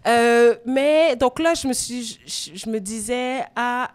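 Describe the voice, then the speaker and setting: A Québécois rapper in her thirties, from Quebec, Canada, opens up about her life as a guest in a candid conversational interview, reflecting as she tells her story. Her voice is on the high side, slow, clear and resonant. It was recorded on a phone during a live podcast taping at a venue.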